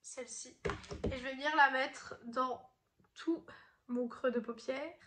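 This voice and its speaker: A woman's voice: high-pitched, steady tone, unhurried, noisy background. A woman vlogger who is ill, chatting casually through a makeup review with many hesitant fillers. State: ill, voice not as usual. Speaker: beauty vlogger.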